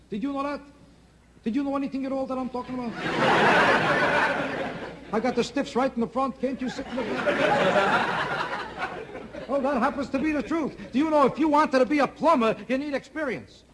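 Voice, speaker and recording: On a TV studio stage before a live audience, a man with a very high voice performs stand-up comedy, a little fast but with long pauses. He's sardonic, needling audience members with rhythmic, repeated questions, and the recording is very noisy.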